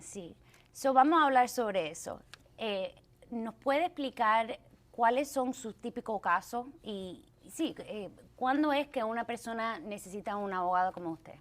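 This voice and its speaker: A woman's voice: fairly high pitch, expressive, measured pace. Hesitant woman host asking questions. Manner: hesitant, searches for words. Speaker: show host. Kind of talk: interview hosting.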